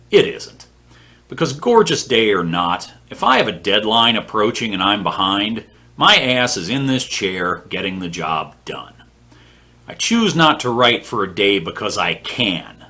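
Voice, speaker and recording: Male, 50s, low-ish voice, brash opinionated vlogger, plain-spoken with some cursing. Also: bright, forceful tone. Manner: blunt, scornful, profane. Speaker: author and vlog host. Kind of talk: opinionated writing advice vlog. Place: home office.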